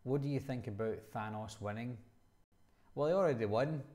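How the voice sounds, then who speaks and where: A man's voice: mid-range voice, moderate pace, darkish tone. A man in his thirties with a Glaswegian Scottish accent, casually hosting a live chat, reading out questions and answering them conversationally. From Scotland. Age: 30s. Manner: conversational, reads questions aloud then answers. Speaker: livestream host.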